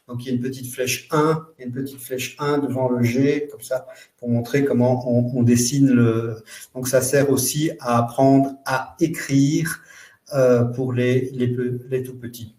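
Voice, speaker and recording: A man presenting a live online training for parents, explaining in a loose, halting way full of fillers and restarts. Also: mid-range voice, level tone, mellow, far from the mic. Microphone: computer mic in a webinar. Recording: roomy echo.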